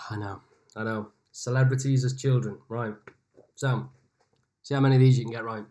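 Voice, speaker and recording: A man's voice: medium pitch, a little mellow. Man hosting a video-call pub quiz. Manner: reads each question twice, with chatty asides. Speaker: quiz host.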